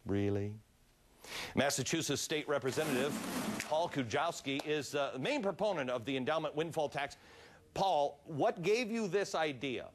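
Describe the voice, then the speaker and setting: Male TV commentator, high-pitched and lively, sarcastic edge. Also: moderate pace, a little hiss or hum. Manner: sarcastic, animated, emphatic. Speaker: show host and commentator. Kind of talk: opinionated television commentary.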